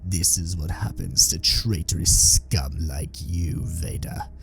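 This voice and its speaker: A man voicing a menacing old male Sith emperor who speaks slowly and in a low voice, goading his enemy. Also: fairly even intonation, soft background music. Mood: scornful.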